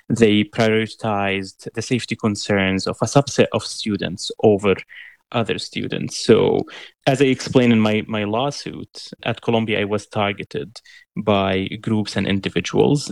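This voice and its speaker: A young man from Syria, answering interview questions in an earnest, measured way with frequent restarts. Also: on the low side, vocal fry, dry recording. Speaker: interview guest.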